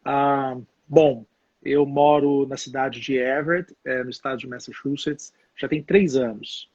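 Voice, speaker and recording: Mineiro pastor guy in his 40s, calm, bit husky, muffled dry call audio. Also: medium pitch, unhurried, no room sound. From Brazil, Minas Gerais. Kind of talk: casual live stream conversation.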